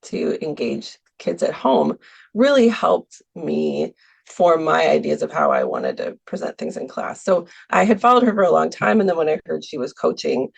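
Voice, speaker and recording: Woman podcast guest, really gravelly voice, lots of ums and little laughs, easygoing chat. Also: low voice, huge pitch swings, normal speed. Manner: hesitant, many ums, laughs often. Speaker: podcast guest, art teacher for seniors. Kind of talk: casual interview talk. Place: Milwaukee, US.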